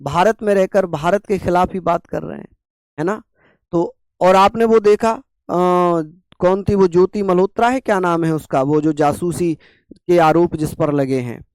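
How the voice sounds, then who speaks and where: High, resonant male teacher lecturing. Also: steady tone, a little mellow, no echo, studio quality. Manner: rhetorical questions, repeats key terms slowly. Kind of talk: classroom lecture on the constitution.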